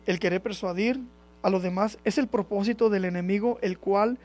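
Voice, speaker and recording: Brief: male church teacher with a high voice, casual and conversational, reading verses to a congregation and checking in with them often. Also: steady tone, moderate pace, a little mellow. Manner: keeps checking in with listeners, asking "right?"; reads scripture aloud and then comments on it. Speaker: Bible study teacher. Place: church in California.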